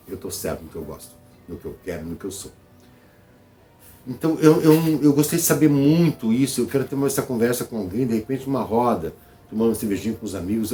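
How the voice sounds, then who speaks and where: A man with a Brazilian Portuguese accent speaks to his audience in an easygoing vlog monologue. His voice sits a little low and sounds mellow and relaxed. He circles back over his own phrases, checks in with listeners often, and faint music plays behind him. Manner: conversational, repeats phrases, frequent "tá?" tags. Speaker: channel host.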